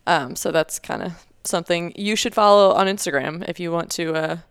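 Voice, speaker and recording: Smooth-voiced young woman chatting casually. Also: lowish voice, normal speed, dry recording, studio quality. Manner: chatty, many fillers, laughs easily. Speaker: podcast co-host. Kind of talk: casual chat.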